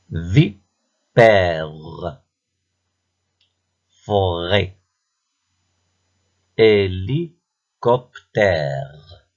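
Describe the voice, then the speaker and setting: A man with a deep, gravelly, husky voice talks through a primary school phonics lesson at a very slow pace. He patiently goes over each answer one step at a time. The recording sounds dull and lo-fi. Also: a little mellow.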